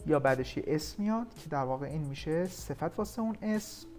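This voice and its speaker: A man from Iran teaching an English grammar lesson, explaining patiently and slowing down to read English example sentences. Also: on the high side, lively intonation, darkish tone, soft background music.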